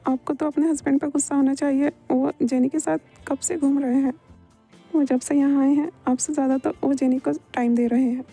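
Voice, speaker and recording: A jealous young husband frets and pleads in a slightly raised, very mellow voice, voiced by a woman. It is a homemade Hindi fan voice-over dub with soft music underneath. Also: sits high, fairly even intonation, fairly quick. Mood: fretful. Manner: pleading, fretful questioning.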